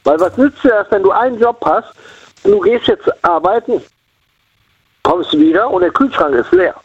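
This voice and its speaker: A man calling a radio show over the phone, his voice gravelly and husky. His pitch rides fairly high and swings around a lot. The line sounds dull and lo-fi, and he talks in a loose, rambling way. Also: animated, normal speed. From Cologne, Germany. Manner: rambling, repeats himself. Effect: heard over the phone. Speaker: radio call-in caller. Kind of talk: casual phone chat.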